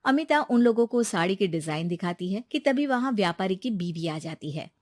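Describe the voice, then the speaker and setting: A woman's voice: medium pitch, lively intonation, moderate pace, darkish tone, dry recording, clean studio sound. A woman narrating a scripted moral tale as storyteller.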